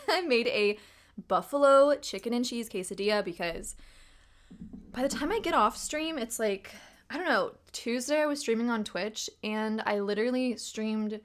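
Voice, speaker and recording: A young woman hosting a casual livestream, chatting in a rambling way and laughing often, her voice a little tired and rough. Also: fairly high pitch, normal speed. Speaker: livestream host and tarot reader.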